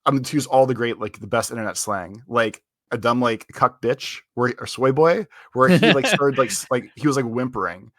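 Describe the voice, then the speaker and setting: A man's voice: mid-range voice, normal speed, hardly any pauses, a bit bright, no echo, studio quality. A man co-hosting a podcast, telling a long story in casual chat, full of "like" fillers and rambling. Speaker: podcast co-host.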